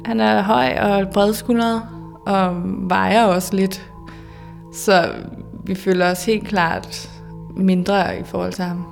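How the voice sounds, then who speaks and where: A woman telling a personal story for radio in a measured, plain way with small hesitations. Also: medium pitch, level tone, creaky. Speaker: storyteller recounting a hitchhiking trip. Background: faint music under the voice.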